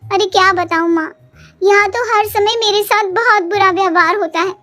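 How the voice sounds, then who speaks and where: A woman's voice: very high voice, steady tone, normal speed, bright, forceful tone. A woman voicing a self-pitying young wife who complains dramatically about her in-laws. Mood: whiny.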